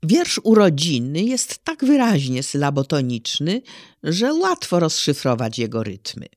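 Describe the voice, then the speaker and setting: A speaker giving a measured spoken lecture on reciting poetry, with deliberate, expressive phrasing. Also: medium pitch, no echo, studio quality.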